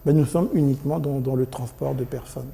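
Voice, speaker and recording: A man's voice: medium pitch, steady tone, a little fast, vocal fry, warm tone. A man in his forties from Congo, a company director answering interview questions hesitantly, with many ums and restarts. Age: 40s.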